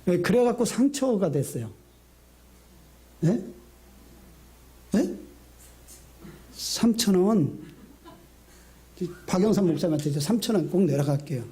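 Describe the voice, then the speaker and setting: A middle-aged male pastor giving a sermon, telling stories with lively swings between high excited and low hushed delivery. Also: measured pace, long pauses. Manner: lively storytelling, acting out quotes. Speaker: senior pastor.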